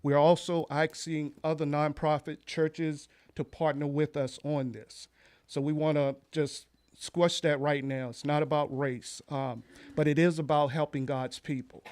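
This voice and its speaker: A man in his role as pastor makes his case at a town council meeting. He speaks earnestly, circling back to the same points with the odd filler. His voice sits a bit high for a man. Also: level tone, unhurried, a little mellow. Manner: earnest, repeats phrases, some fillers. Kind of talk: public comment at council meeting.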